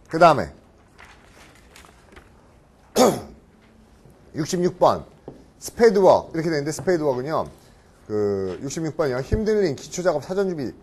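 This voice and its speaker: A middle-aged man lecturing on English idioms in Korean. He keeps asking the class questions, answers them himself, and often clears his throat. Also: a little high. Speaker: professor teaching English idioms.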